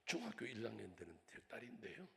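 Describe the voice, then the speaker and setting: Older pastor guy preaching a revival, gravelly voice, super animated, drops to whispers then shouts, church echo. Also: mid-range voice, quick pace. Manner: dramatic, swings from whispers to loud cries. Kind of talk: revival sermon with storytelling. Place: church sanctuary. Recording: long hall reverb in a church.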